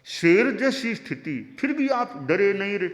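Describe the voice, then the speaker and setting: A man's voice: high-pitched, very animated, unhurried, pitched above the performer's own voice. A man voicing a teenage boy disciple who is eager and a bit cheeky, speaking in an earnest, pleading way. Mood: teasing. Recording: long hall reverb.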